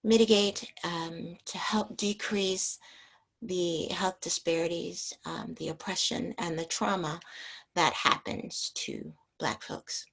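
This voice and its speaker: A woman's voice: fairly low pitch, fairly even intonation, slow pace, vocal fry, fairly bright tone, rough recording. A woman physician giving a talk over a video call, her audio cutting in and out, speaking hesitantly with many fillers. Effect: audio cutting in and out on a bad connection. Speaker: physician lecturer.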